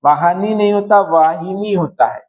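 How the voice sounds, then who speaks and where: This is a slow Hindi spelling-correction lesson in which a man explains one word at a time and regularly checks on his students with "है ना". He speaks at a moderate pace in a high, slightly mellow voice, and the recording is low-quality.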